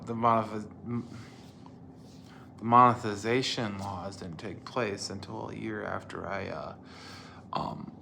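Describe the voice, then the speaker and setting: A man's voice: on the low side, creaky, pushed and bright, a little hiss or hum. A man in his twenties telling a casual, rambling story about his old video series, with lots of fillers and restarts.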